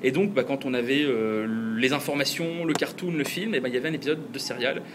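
A man's voice: medium pitch, fast, noisy background. A man hosting a podcast, talking casually and chattily and laughing often. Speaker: podcast host.

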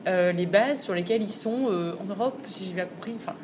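A woman co-hosting a podcast, chatting in a lively, amused way. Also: mid-range voice, fairly quick, background noise. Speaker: podcast co-host. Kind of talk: casual chat.

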